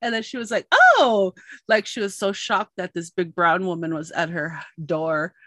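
A woman podcast host and journalist, chatting casually and telling a lively story, acting out the voices of the people in it. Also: fairly low pitch, normal speed, dry recording. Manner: animated storyteller, acts out quoted voices.

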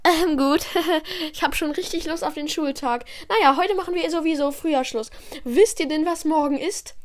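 A woman's voice: high voice, moderate pace, close to an everyday voice. A woman voicing a female schoolteacher who patiently questions her class in a sing-song manner. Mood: teacherly.

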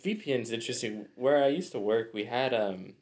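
A man co-hosting a podcast, telling stories in a relaxed, chatty way. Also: mid-range voice, a little fast, noisy background. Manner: laid-back storytelling, frequent laughs. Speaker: podcast co-host. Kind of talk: casual chat.

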